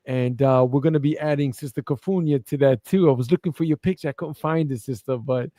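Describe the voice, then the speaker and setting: A man's voice: medium pitch, brisk, warm tone, no echo, studio quality. Casual man with a Brooklyn accent. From Brooklyn, New York. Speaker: guest, festival organizer. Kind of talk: casual promotional interview chat.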